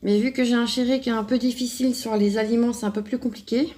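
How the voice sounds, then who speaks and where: Answering her subscribers' tag questions, a young craft YouTuber from France talks casually to the camera. She speaks fast in a steady, dark-toned voice on the high side, rambling and restarting, full of fillers.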